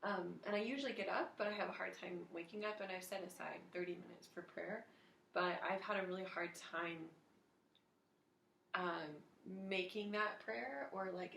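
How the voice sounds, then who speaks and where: A woman's voice: lowish voice, gravelly, fairly bright tone, echoey room, a little hiss or hum. A woman sharing her evening prayer reflection in a casual, hesitant way at home, with many fillers and restarts. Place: home at night.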